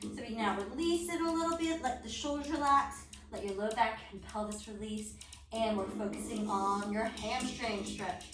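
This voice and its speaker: High-pitched woman aerobics instructor, roomy echo. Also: normal speed. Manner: aerobics instructor delivery, short encouraging commands. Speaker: aerobics and core fitness instructor. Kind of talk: exercise class instruction with counted cues. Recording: roomy echo, distant mic, music underneath. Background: music.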